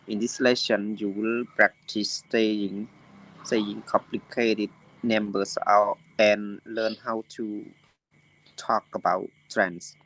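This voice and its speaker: Guy reading his lesson aloud on a video call, super slow, fixes his slips. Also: on the low side, a bit bright, low-quality recording. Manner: slow careful reading with self-corrections. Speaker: student.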